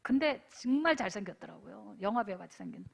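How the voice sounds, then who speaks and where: At a youth retreat, a woman pastor gives a sermon in a mid-range, creaky voice at a quick pace. Storytelling drives her delivery: she plays out what people said, stays animated and asks the crowd for amens.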